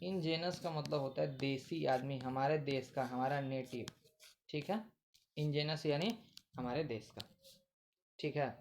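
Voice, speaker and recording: This man teaches English vocabulary in Hindi in a relaxed way, his mid-range voice steady and a little mellow. He keeps a measured pace with long pauses, repeats words frequently and answers his own questions. Slight background noise is audible.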